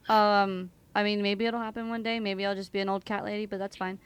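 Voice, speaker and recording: A woman of twenty-two in a casual book-club chat, thoughtful and soft-spoken. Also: medium pitch, normal speed, smooth.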